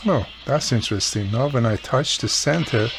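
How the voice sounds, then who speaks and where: Over loud music, a man with a mid-range voice talks at a moderate pace. He's a radio repair hobbyist presenting his own how-to video, casually walking through the fix step by step as he works.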